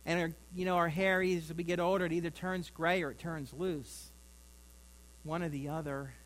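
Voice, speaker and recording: A man's voice: a little high, fairly even intonation, moderate pace, fairly bright tone, low-quality recording. A middle-aged man preaching a sermon in a folksy, rambling way, with asides to his congregation. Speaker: pastor.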